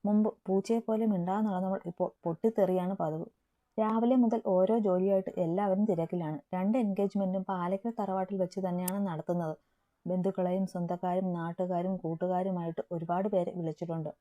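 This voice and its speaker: A woman narrating a romance story in a steady, matter-of-fact reading. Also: on the low side, a little fast.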